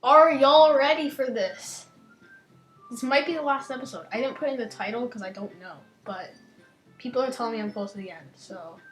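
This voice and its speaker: A young woman with a slight lisp hosting a gaming channel, chatting casually and reading game text aloud, her lines often trailing off quietly. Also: on the high side, quick pace, echoey room, soft background music.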